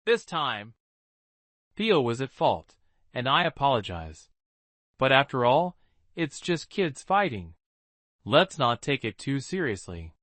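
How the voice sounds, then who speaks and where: A man voicing a calm, self-assured young woman. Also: high voice, slow pace, hardly any pauses, dry recording, pitched above the performer's own voice, exaggerated voice. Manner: raised, lighter voice.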